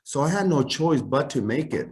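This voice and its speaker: A Chilean man in his fifties, a native Spanish speaker and founder of a custom clothing company, tells his life story as a guest in a casual video-call interview. His mid-range, darkish voice is very animated at a normal speed, and he rambles with many fillers and restarts.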